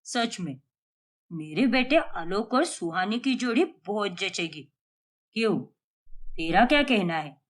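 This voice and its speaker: A woman's voice: medium pitch, lively intonation, slow, pauses often, pitched below the performer's own voice. A woman voicing a middle-aged male family friend in a cartoon story, speaking confidently and persuasively. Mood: eager.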